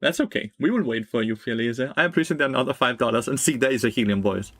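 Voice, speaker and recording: Talking fast in a mid-range, fairly bright voice, this young streamer keeps up casual, profane, blunt commentary on his game. He laughs and responds to chat, and the recording is dry.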